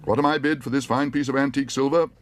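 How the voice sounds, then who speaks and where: A man voicing a brisk male auctioneer who calls out the bids, in a storybook reading. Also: medium pitch, steady tone, voice pushed up, natural voice. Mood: calling. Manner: calling out, projecting.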